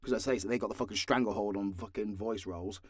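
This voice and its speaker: Talking fast with fairly even intonation, a man with a lowish voice answers listener questions in an off-the-cuff Q&A monologue, and there's no echo on the recording. As an audio drama creator he's blunt and sweary, theatrically exasperated throughout.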